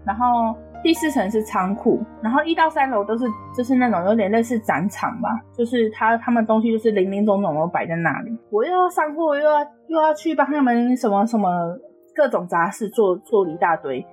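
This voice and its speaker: A young woman co-hosting a podcast, telling workplace stories in an exasperated, animated casual chat. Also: fairly high pitch, a little fast, soft background music. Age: young adult. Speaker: podcast co-host.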